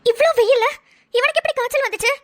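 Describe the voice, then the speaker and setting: A woman's voice: very high voice, very fast, pitched above the performer's own voice. A woman voicing a sassy young mother in a cartoon, who argues in a snappy, defensive way. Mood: argumentative. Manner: snappy, argumentative. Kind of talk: cartoon voice acting.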